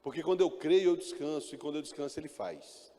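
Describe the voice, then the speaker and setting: A pastor preaching a sermon in church, calling out to the congregation and mixing in joking asides. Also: male voice, on the high side, expressive, fast, mellow. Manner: calls out to the congregation, often asking "amen?". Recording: echoey church hall reverb.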